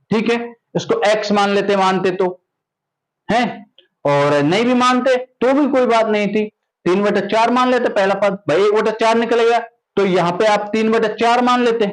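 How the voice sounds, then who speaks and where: A young, high-voiced male maths teacher gives a lesson at normal speed, repeatedly asking his students questions, repeating them, then answering himself in a steady classroom rhythm. The recording is rough.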